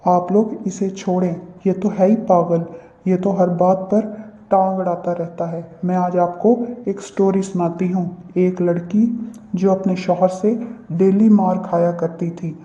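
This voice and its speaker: A man doing a bossy cartoon girl who scolds and repeats herself in a high, level voice with a dark, mellow tone. The recording is roomy and a little dull, like a lo-fi home cartoon dub. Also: little pitch movement, a little slow. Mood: indignant. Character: bossy, quarrelsome young woman storyteller. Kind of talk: cartoon voice acting.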